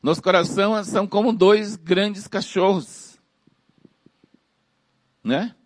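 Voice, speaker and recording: A man's voice: high voice, takes it slowly, no room sound. A man preaching a sermon emphatically, repeating phrases and calling out to the congregation.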